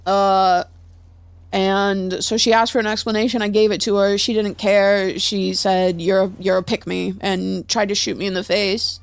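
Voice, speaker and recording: A woman's voice: medium pitch, level tone, a little slow, smooth, no echo. A young woman in an in-character roleplay chat, telling a long story in a rambling, profane way. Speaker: roleplay streamer.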